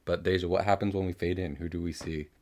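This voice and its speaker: A very deep-voiced man chatting casually as co-host of a recap show. He talks loosely, swears freely and drops into quick quoted voices as he retells scenes. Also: fairly even intonation, darkish tone. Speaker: podcast co-host.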